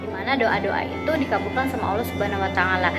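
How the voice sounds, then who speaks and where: A woman's voice: mid-range voice, fast talker, music in the background. A woman telling an educational children's puppet story as the teacher, explaining things simply with repeated questions.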